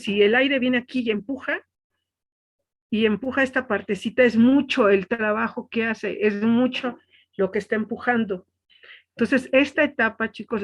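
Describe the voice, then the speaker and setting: A woman teaching an online class, explaining step by step and often asking "¿sí?" to check on her students. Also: a little high. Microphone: webcam.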